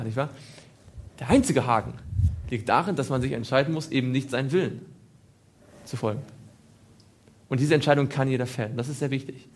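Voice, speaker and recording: A man preaching a sermon, asking his listeners questions and repeating phrases for emphasis. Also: mid-range voice.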